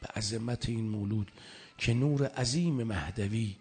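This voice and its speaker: A man's voice: on the low side, a little mellow, husky. A man giving a sermon, telling a scripture story and quoting Arabic verses between plain talk. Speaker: preacher.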